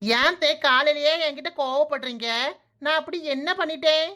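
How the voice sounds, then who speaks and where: Woman voicing a sassy young cartoon daughter-in-law, Kanyakumari Tamil accent, high voice, sarcastic, mutters to herself. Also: moderate pace, pushed and bright. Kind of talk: comic cartoon dialogue.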